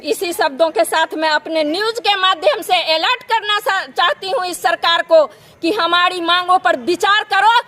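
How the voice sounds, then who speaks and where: A woman's voice: very high voice, moderate pace, bright, forceful tone. A woman from Bihar leading a protest, making defiant declarations against the government. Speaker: protest leader. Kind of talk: protest speech.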